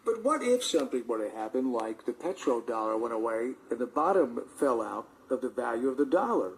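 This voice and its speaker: A man hosting a live call-in show on the radio, talking in a joking, folksy and halting way. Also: medium pitch, sing-song, slight background noise, rough recording.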